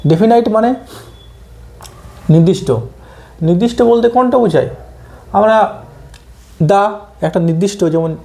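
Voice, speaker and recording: A male teacher walks students through English articles for an exam, pausing often to check they follow. His voice sits high for a man. The tone is soft and mellow rather than bright. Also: vocal fry. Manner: explains step by step, often checks understanding. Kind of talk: exam-prep grammar lesson.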